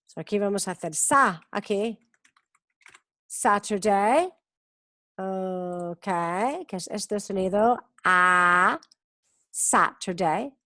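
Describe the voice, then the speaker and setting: A woman leads an English class over a video call, speaking at a very slow, deliberate pace. She stretches each vowel and keeps checking in with her students. Her voice sits at a middle pitch in a dry, close recording with no room sound. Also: sharp tone, dry recording. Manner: slow, drawn-out pronunciation drills with frequent "ok?" checks. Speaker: English teacher. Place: community centre in Barcelona.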